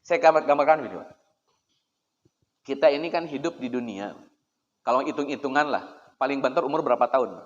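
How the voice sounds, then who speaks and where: A man's voice: medium pitch, brisk, pauses often. A man giving a conversational religious lecture in a prayer room, asking rhetorical questions and often addressing his listeners directly. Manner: chatty, poses rhetorical questions, keeps addressing listeners as sir. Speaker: Islamic preacher. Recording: echoey hall, dull lo-fi sound.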